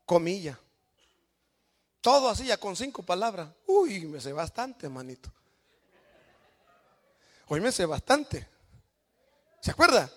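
High-voiced Salvadoran preacher shouting. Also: male voice. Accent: Salvadoran Spanish. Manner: shouted, emphatic preaching with call-and-response praise cries. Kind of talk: sermon.

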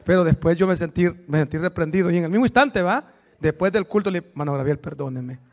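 Male pastor with a high voice, church sermon, storytelling with sudden loud exhortation. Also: fast. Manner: storytelling preacher, swings from soft asides to loud exhortation.

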